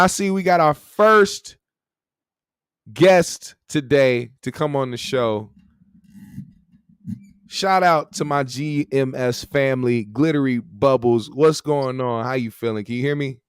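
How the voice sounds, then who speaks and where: A man's voice: medium pitch, lively intonation, unhurried, long pauses, clear, resonant tone, no echo, studio quality. A man hosting a call-in show, talking casually in a slangy, profane, opinionated conversational way. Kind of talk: casual opinionated rant and chat.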